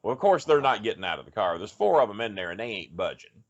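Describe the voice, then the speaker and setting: A man's voice: fairly low pitch, sing-song, fast. A man telling a rambling, profane road story in casual podcast chat, full of fillers. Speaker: wrestling storyteller guest. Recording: dull lo-fi podcast audio.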